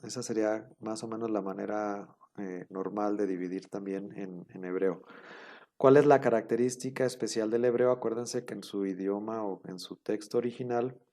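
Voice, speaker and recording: Mellow-voiced man teaching Hebrew grammar. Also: fairly low pitch, steady tone, moderate pace. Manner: patient, explanatory, with frequent "eh" and rhetorical questions. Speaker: Bible class teacher.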